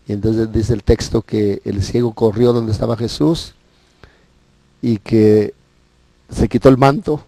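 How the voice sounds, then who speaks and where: A man's voice: medium pitch, gravelly, warm tone, no room sound. A man who is a guest on a religious TV show, preaching and retelling a Bible story with quoted voices.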